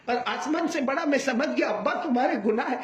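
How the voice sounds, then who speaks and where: A man doing a curious young boy, insistent repeated questions, high voice, roomy echo.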